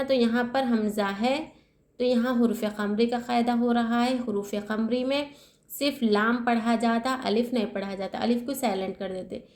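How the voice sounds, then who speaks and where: A woman teaching Quran recitation step by step. She asks her own questions and answers them, and she spells out letters slowly. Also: fairly high pitch. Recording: echoey room.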